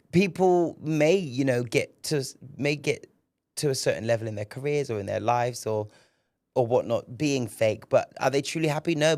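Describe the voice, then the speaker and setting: Man, podcast host, casual commentary, candid, swears freely, mid-pitched, dry close sound. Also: no room sound. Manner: candid, animated, swears freely, repeats words when excited.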